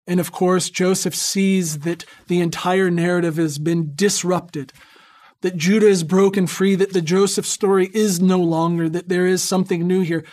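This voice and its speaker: A man giving a reflective lecture on scripture in a measured, earnest way, pausing for emphasis. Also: a little high, darkish tone.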